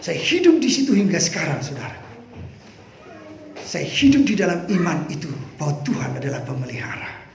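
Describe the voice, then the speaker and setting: A man preaching a sermon, animated and emphatic, breaking into shouts. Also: a little high, normal speed, creaky, a little hiss or hum. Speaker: pastor. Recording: echoey room with faint ambience.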